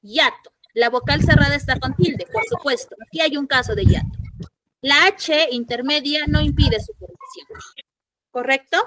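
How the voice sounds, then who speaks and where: High-voiced woman teaching an online class. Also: normal speed, a bit bright. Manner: questioning, repeats key points for students. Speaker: secondary school language teacher. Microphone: computer mic in an online class.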